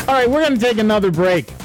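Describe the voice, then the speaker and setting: A man with an American accent hosting a radio call-in show in a casual announcing style. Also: sits high. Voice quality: throat trouble. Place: radio studio.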